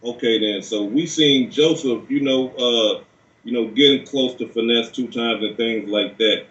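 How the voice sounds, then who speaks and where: A man's voice: mid-range voice, a little slow, fairly bright tone. A man conducting an informal interview with probing, clarifying questions. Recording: distant, echoey, muffled room sound.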